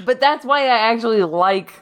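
A woman's voice: fairly high pitch, lively intonation, moderate pace, clear, resonant tone. Chatty woman podcast host, lots of fillers. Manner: chatty, laughs often, frequent "like" fillers. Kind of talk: casual podcast chat.

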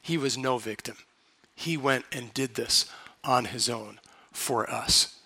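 A man preaching a sermon as pastor, telling the story dramatically and dropping to a hush for emphasis. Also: medium pitch, takes it slowly, gravelly, slightly rough.

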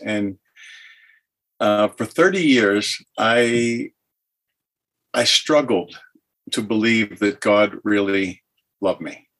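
A man's voice: fairly low pitch, fairly bright tone. Earnest older man, heartfelt podcast guest. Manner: earnest, heartfelt, emotionally open. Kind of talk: podcast interview.

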